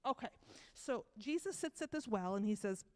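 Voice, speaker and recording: A woman with a cold giving a children's sermon, telling a story to kids with lively asides and questions. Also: mid-range voice, normal speed. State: has a cold. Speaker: children's message leader.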